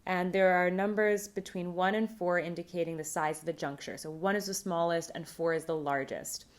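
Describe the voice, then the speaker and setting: A woman presenting a recorded academic conference talk on linguistics, explaining terms in a clear, measured way. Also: fairly low pitch, fairly even intonation.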